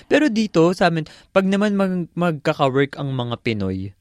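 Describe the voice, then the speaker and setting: A young adult from the Philippines, co-hosting a relaxed radio chat, agreeable and full of soft murmurs of assent. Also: medium pitch, moderate pace, no room sound, clean studio sound. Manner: agreeable, many soft backchannels. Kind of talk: casual chat in a studio.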